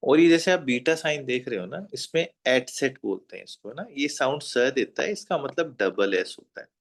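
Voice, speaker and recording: A man's voice: mid-range voice, expressive, moderate pace, gravelly. A man teaching a German lesson at a whiteboard, patiently repeating each sound and checking that students have written it down. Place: classroom with whiteboard.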